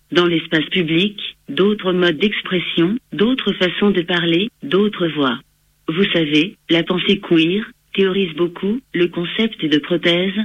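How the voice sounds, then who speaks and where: A male text-to-speech voice, clearly synthetic, reading out scripted interview answers in a chipper, computer-read manner. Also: sits high, fairly bright tone, dry recording, lo-fi sound. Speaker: interviewed activist and researcher.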